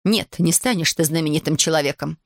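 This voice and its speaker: A calm, gently reproachful schoolteacher, read by a woman. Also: sits low, a little fast, gravelly, dry recording, clean studio sound. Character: strict but kind female schoolteacher. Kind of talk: storybook reading.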